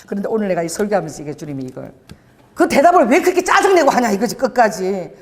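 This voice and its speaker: Speaking quickly in a mid-range voice, a middle-aged woman pastor recounts an anecdote about her husband as part of her sermon. Her storytelling is lively, with acted-out quoted lines and plenty of laughter. She's in a large church hall.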